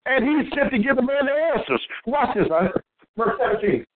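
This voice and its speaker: A man's voice: very high-pitched, animated, normal speed, narrow, tinny audio. A man co-hosting a Bible study who keeps jumping in with affirmations and questions. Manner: interjects often with affirmations and questions. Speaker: co-host of a Bible show. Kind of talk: call-and-response Bible study.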